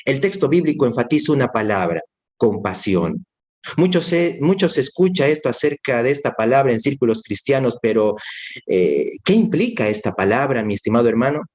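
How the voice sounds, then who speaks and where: A man's voice: medium pitch, sing-song, moderate pace, a little mellow. Earnest male preacher delivering a sermon. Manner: earnest, repeats key phrases for emphasis; addresses listener directly as brother.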